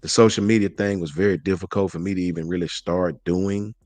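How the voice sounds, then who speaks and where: A man with a very low voice rambles in easygoing, slangy talk as a live-stream guest. He stumbles and repeats himself often. The sound is close and dry. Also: steady tone, brisk, darkish tone, no echo. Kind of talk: casual chat.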